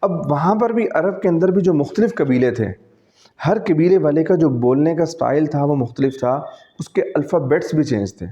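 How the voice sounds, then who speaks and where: Mellow-voiced Pakistani man teaching. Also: a little high. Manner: conversational, explains patiently, often checks understanding. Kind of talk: classroom-style lecture. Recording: dull lo-fi recording.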